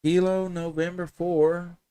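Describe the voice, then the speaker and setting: He speaks slowly and flatly in a high register, his tone warm and smooth on a dry recording. A folksy, courteous ham operator from southern Middle Tennessee, he live streams calling and casual contacts, spelling out call signs amid radio jargon.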